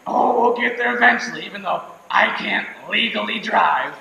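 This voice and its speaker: A man's voice: sits high, moderate pace, creaky, pushed and bright, muffled recording, exaggerated voice. A man playing the devil as a dramatic young grandson, exclamatory and melodramatic in a comic stage play. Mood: sly, eager. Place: theatre stage. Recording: roomy stage, distant mic, faint noise.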